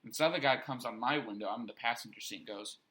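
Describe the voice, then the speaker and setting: A young man co-hosting a podcast, telling a story in an animated way among friends. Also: medium pitch, racing, very noisy. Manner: animated storyteller, acts out quotes, swears casually. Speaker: podcast co-host. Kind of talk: casual chat, storytelling.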